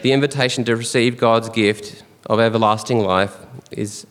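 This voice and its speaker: An Australian man giving a fond, earnest funeral eulogy for his father, with soft chuckles between memories. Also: mid-range voice, fairly even intonation, normal speed. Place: church or funeral hall. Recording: long hall reverb.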